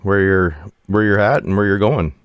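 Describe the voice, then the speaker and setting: A man hosting an interview, asking questions in an easygoing way with many pauses. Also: on the low side, smooth. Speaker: host.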